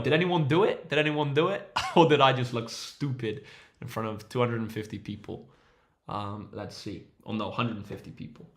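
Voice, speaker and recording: A man's voice: medium pitch, a bit bright. A young man runs a casual maths livestream, his voice sitting in an ordinary middle range. He is upbeat and encouraging, rallying his viewers like a team and reading their names from the chat. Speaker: maths tutor hosting a livestream.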